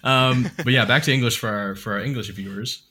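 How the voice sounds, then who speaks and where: A man's voice: mid-range voice, brisk, bright, forceful tone. A man hosting a casual podcast interview, asking questions in a friendly, playful way. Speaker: podcast host.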